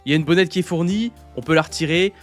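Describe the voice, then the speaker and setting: A man's voice: on the high side, racing, soft background music. A man casually reviewing a headset, talking through a headset mic in a crude, joking, rambling way. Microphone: gaming headset mic.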